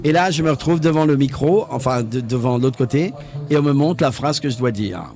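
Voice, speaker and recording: A man's voice: medium pitch, fairly quick, darkish tone. A man, telling a long anecdote on stage at a live event. He acts out other people's lines and often repeats his words. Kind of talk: lively storytelling anecdote.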